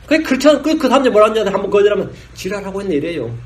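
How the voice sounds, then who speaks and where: High-voiced man preaching a blunt sermon. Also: big pitch swings, rapid-fire. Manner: blunt, scolding, acts out dialogue with coarse slang and laughs. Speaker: pastor.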